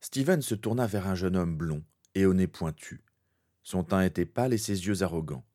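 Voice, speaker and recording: A man narrating a fan fiction story in a steady, dramatic way. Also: deep voice, moderate pace.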